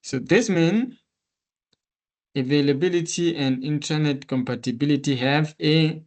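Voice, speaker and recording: A man's voice: on the high side, measured pace, a little mellow. A male instructor on a video call, walking through a screen-share tutorial step by step in a methodical way. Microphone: computer mic on a meeting call.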